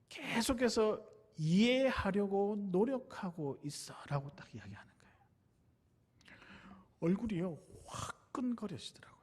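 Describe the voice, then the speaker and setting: Husky-voiced middle-aged pastor, lively delivery. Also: male voice, sits high. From Busan, South Korea. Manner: earnest, confessional, addresses the congregation directly. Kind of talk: sermon with personal storytelling. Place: church sanctuary.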